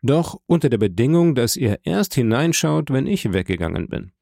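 A man voicing a grave, reserved nobleman in an audiobook, speaking calmly and with restraint. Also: mid-range voice, normal speed, gravelly, no echo, clean studio sound. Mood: restrained. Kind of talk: audiobook character reading.

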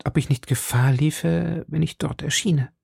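A man's voice: on the high side, steady tone, unhurried, gravelly, darkish tone, husky, dry recording, clean studio sound, pitched above the performer's own voice, full character voice. A man voicing a frightened young woman in hiding, pleading urgently with her rescuer in a raised voice. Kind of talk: audiobook character voice.

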